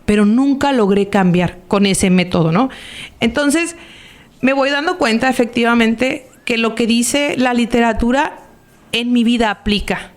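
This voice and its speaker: A woman's voice: a little high, unhurried. A woman speaking on the radio as an Al-Anon member. She talks in a reflective, confiding way and keeps checking in with her listeners. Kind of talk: personal testimony on a radio talk show.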